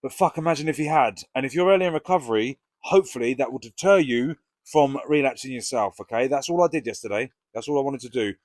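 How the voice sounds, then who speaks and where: A man's voice: mid-range voice, fast, few pauses, darkish tone, no echo. A British man talking casually and frankly to camera as a vlogger, with plenty of swearing. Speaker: recovery vlogger.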